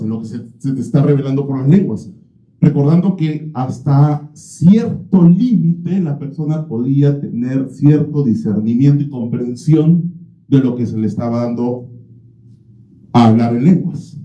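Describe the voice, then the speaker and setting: Male pastor, fairly high and very mellow voice, emphatic expository preaching with repeated phrases, roomy and slightly dull church sound. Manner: emphatic, repeats key phrases, asks rhetorical questions. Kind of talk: expository sermon.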